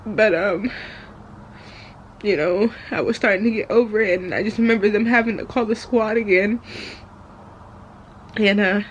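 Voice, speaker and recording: A woman with a medium-pitched voice talks in a raw, confessional vlog style. She is hesitant and subdued, with halting phrases, over faint background noise. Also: highs cut off. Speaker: vlogger.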